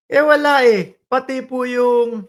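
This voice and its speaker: A man giving casual political commentary as a vlogger, in a mocking, chatty way, often calling out to his viewers. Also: very high voice. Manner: mocking, chatty, addresses viewers as bossing and kababayan.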